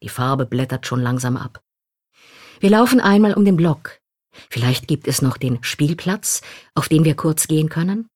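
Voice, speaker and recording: A woman reading a first-person memoir aloud in a calm, reflective manner. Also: sits low, normal speed, dry recording, clean studio sound. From Poland. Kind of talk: scripted literary narration.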